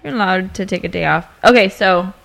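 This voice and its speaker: A woman's voice: mid-range voice, brisk, creaky, a bit bright, soft background music. A young woman co-hosting a podcast, gossiping casually with lots of swearing and laughter. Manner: profane, laughing, celebrity gossip banter. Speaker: podcast co-host. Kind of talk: casual chat. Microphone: podcast mic.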